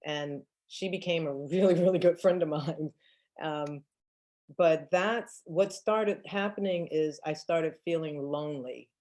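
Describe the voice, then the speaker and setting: Unhurried and a little mellow, a low-pitched woman's voice answers questions in a casual storytelling Q&A. She is a real estate agent in her fifties who tells things emphatically and laughs frequently.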